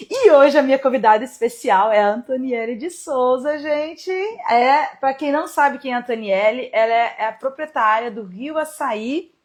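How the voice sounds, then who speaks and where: A woman's voice: sits high, moderate pace. A woman hosting a casual live online interview, chatty and encouraging, speaking over a video call. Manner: chatty, warm-hearted encouragement, frequent laughter. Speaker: host.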